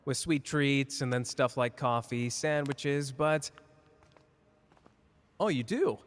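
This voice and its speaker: A man's voice: medium pitch, slow pace, natural voice. Man acting cocky, flirty Gojo in long reverb. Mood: playful, flirty. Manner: teasing, casual, boastful. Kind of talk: ASMR character roleplay addressed to listener.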